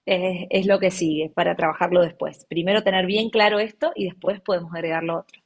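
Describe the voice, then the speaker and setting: A woman's voice: lowish voice, steady tone, a little fast, dull audio. Woman, communication coach, casual interview register, affirming and explanatory. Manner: affirming, explanatory, repeats phrases for emphasis. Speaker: communication and public speaking coach.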